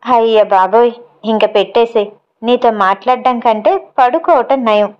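A woman's voice: fairly high pitch, moderate pace, clear, resonant tone, dull audio, natural voice. A woman reading the lines of a young woman who teases and pleads playfully. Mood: teasing. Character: young woman, tearful then teasing.

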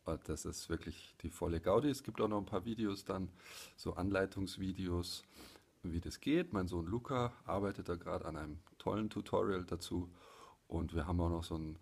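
Gravelly, low-voiced man chatting casually. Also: darkish tone. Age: 40s. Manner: hesitant, halting. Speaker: hobby puppeteer and vlogger. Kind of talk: casual chat to camera. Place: small living room, indoors. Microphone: phone or camera at arm's length.

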